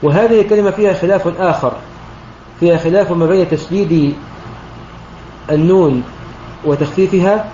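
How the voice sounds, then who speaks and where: A man, a sheikh, explains a recitation poem line by line in a methodical way, often clearing his throat and correcting himself. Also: high-pitched, brisk, long pauses, warm tone. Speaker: sheikh teaching Quranic recitation. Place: online voice chat room. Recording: roomy, dull lo-fi online voice chat with faint noise.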